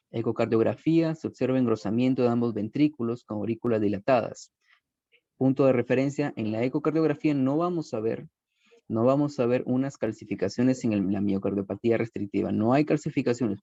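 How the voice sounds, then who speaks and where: A man works through a medical lecture from slides in a mellow, dark voice, listing terms one after another and often restarting a word. The sound is dull and muffled, with a dry, close feel and no room around him. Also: medium pitch, no room sound. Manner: methodical, lists terms one by one with frequent restarts.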